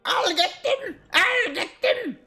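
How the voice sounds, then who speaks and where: A dying old dwarf warrior, delirious and desperate. He cries out in a high, throat-straining voice that sits far above his own and sounds pushed back from the mic. It comes from a storybook-style adventure reading. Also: lively intonation, takes it slowly, exaggerated voice. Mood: delirious shouting. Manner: frantic, pleading, high strained shouting.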